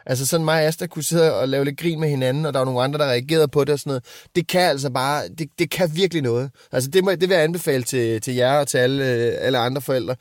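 A man's voice: mid-range voice, few pauses, no echo, studio quality. A man and father in casual chat, telling rambling anecdotes and swearing freely. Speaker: podcast co-host and father.

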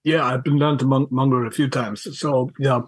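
A middle-aged man, reminiscing casually in a halting, wry way and repeating words as he goes. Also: mid-range voice, steady tone, husky, no room sound. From County Mayo, Ireland. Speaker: podcast guest, school alumnus.

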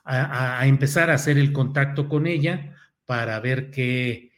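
Male live news-show host, Mexican accent, medium pitch, unscripted delivery. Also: unhurried, fairly bright tone.

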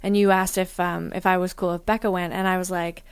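A woman's voice: fairly low pitch, little pitch movement, fairly quick, smooth, dry recording. A woman co-hosting a podcast in casual personal conversation, talking in a candid, reflective way. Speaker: podcast co-host.

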